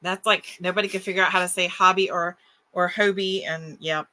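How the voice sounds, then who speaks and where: A woman with a bright, forward voice and a West Virginia Appalachian accent. She chats in a folksy, plain-spoken way as a livestream co-host, casually reading out comments over a video call. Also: lowish voice, steady tone, a little fast. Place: room at home, on a video call. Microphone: webcam or computer mic on a video call.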